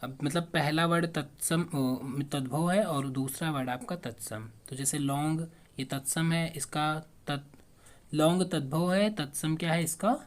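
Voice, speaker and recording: Tutor going thru old exam paper, mid pitch, asks then answers himself, lots of fillers. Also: unhurried. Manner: explains step by step, asks questions then answers them; fillers and self-corrections. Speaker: teacher. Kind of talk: exam-prep lecture.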